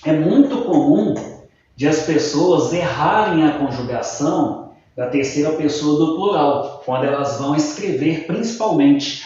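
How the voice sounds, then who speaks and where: A man's voice: on the high side, expressive, a little slow, a little mellow. Echoey Brazilian man teaching grammar. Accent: Brazilian Portuguese. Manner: patient, keeps checking in with listeners. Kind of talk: explanatory video lesson. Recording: echoey room, mic far off, dull sound.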